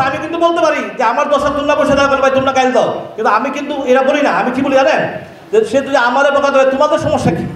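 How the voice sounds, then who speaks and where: A man's voice: very high-pitched, a bit bright, a little hiss or hum. A man with a Bangladeshi Bengali accent gives a heated, combative speech to reporters at an event, jeering at critics with repeated rhetorical questions. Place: event hall with crowd and reporters. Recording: very echoey hall.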